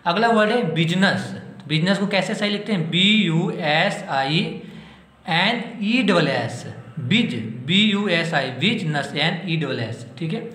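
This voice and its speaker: Slow-spelling male teacher. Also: high voice, expressive, fairly bright tone, roomy sound. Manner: spells words letter by letter, slowly and deliberately; asks questions to the class and answers them himself. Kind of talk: exam-prep spelling lesson.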